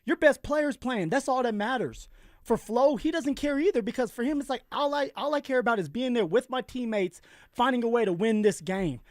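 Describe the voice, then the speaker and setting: A man's voice: very high voice, animated, brisk, no room sound, clean studio sound. A man co-hosting a sports talk show, giving blunt opinions with frequent repeated words. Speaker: sports radio co-host. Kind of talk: sports talk radio debate. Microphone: studio microphone.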